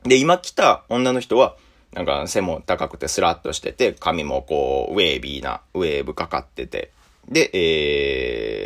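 A young man with a Kansai accent tells a comic story as a solo monologue. His pitch swings widely and keeps the telling lively. He jumps high for the punchlines and sinks low and quick for the asides. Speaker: stand-up comedian.

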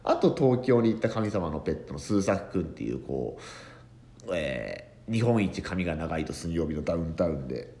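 A man's voice: low-pitched, sing-song, fairly quick, creaky, darkish tone. A man hosting a casual solo podcast, telling a rambling story with many fillers. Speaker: podcast host, comedian and tanka poet.

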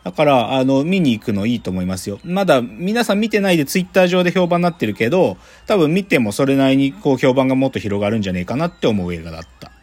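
A male radio host chats casually and rambles from one point to the next. His voice swings lively in pitch, and his speech is full of loose, colloquial filler words. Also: quick pace, hardly any pauses.

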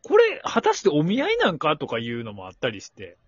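A man with a Kansai accent co-hosting a casual comedy podcast, trading quick banter and acting out silly skit lines. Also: on the high side, wildly swooping pitch, breathy edge, no room sound. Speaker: podcast co-host. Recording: muffled lo-fi podcast audio.

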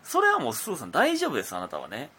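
Young kansai guy rambling on his talk show, husky voice, swings up and down a lot. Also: medium pitch, fast talker. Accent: Kansai Japanese. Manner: rambling, many fillers, animated. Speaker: radio talk host, comedian. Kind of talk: casual solo chat.

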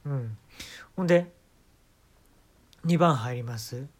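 Speaking slowly in a mid-range voice, a man with a Kansai Japanese accent delivers a comic story as a monologue. Along the way he acts out sounds and quoted lines.

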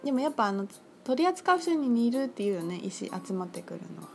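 A woman talking casually on her own about her crystal shop, chatty and full of fillers, lively when she quotes others. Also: on the high side, fast talker, gravelly. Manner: chatty, filler-heavy, animated quoting. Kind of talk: casual solo talk. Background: music.

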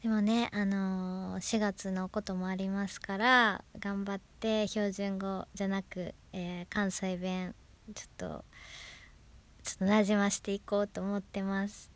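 A woman's voice: medium pitch, level tone, measured pace. A woman from Osaka with a Kansai accent, chatting alone on her radio talk show and laughing at herself. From Osaka, Japan. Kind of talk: casual solo chat.

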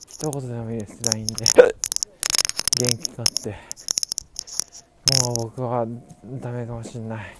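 A man's voice: medium pitch, little pitch movement. Very drunk young man rambling, noisy recording. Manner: halting drunken rambling, repeating and restarting words. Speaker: podcast host. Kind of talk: casual solo podcast monologue. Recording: clearly noisy recording with clicks.

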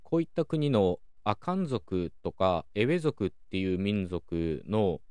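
A man hosting a calm solo talk show, explaining things in a measured way with many soft fillers. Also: low-pitched, no echo. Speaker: podcast host.

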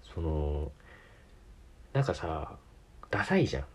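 Here a Tokyo-born podcast host talks alone in a bass voice that is husky, sing-song and a little slow. His accent is Tokyo Japanese. The talk is loose and rambling, full of self-corrections and frequent laughter.

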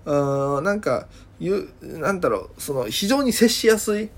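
A man's voice: fairly high pitch, very animated, moderate pace. Rambling man telling a casual story. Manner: rambling, full of fillers and self-corrections. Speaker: podcast host. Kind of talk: casual solo storytelling talk.

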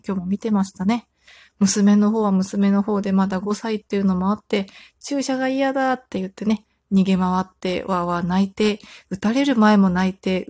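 A woman in her thirties hosting a solo talk show, chatting in a calm, relaxed way and telling everyday stories. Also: mid-range voice, no room sound, studio quality. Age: 30s. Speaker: podcast host.

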